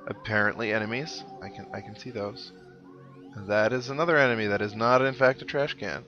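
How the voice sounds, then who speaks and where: The host of a video game playthrough series muses aloud in casual, rambling, wry let's play commentary as he plays. His fairly low voice runs a little fast, and the dull lo-fi mic sits under loud video game music.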